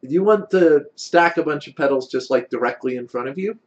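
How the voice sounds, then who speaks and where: A man narrating a casual tabletop game as game master, expressive and conversational. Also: on the high side, brisk, lo-fi sound.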